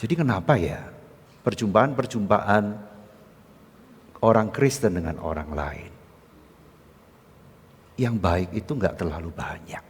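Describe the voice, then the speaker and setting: East Javanese pastor preaching in an echoey hall. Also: male voice, a little slow, pauses often, slightly rough. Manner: storytelling, acts out dialogue with sharp pitch jumps. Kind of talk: sermon. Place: church sanctuary.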